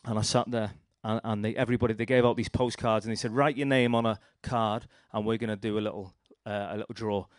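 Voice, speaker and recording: A young man with a Liverpool accent tells his personal testimony in a rambling, storytelling way. His voice sits fairly low, and the recording is dry and close. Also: little pitch movement, quick pace, few pauses, dry recording. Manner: rambling, storytelling with restarts and acted quotes. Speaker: speaker sharing a testimony.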